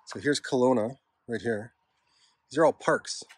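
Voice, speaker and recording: A man with a slightly husky voice gives casual, unhurried, offhand narration to his camera while walking a trail outdoors. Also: mid-range voice, dry recording, clean studio sound. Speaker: hiking vlogger. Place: outdoors on a park trail with a stream nearby.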